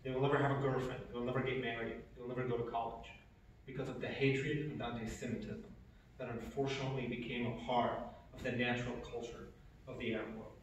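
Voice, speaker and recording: A man's voice: mid-range voice, flat delivery, fast talker, slight background noise. A man, giving an earnest personal testimony with emphatic repetitions. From Egypt. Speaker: speaker. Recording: echoey hall from far off.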